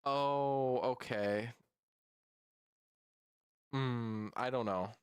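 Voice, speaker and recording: A rambling, chatty man talks to his stream chat in an easy, conversational way while reacting to memes. His voice sits at a middle pitch, and the sound is dry and close with no room behind it. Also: very slow, clean tone, dry recording.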